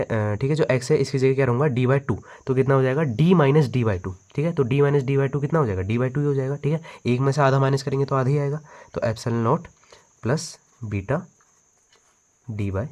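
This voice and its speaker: Male tutor, mid-pitched voice, working a problem aloud as he writes and checking students follow. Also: a little mellow. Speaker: physics teacher. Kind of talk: step-by-step math lesson over handwritten notes.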